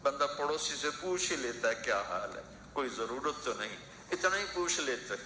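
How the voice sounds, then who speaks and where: A man's voice: medium pitch, animated, bright, forceful tone, slight background noise. A man preaching an emotional sermon in rhythmic, repeating phrases. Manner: impassioned, rhythmic repetition. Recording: echoey hall with faint ambience.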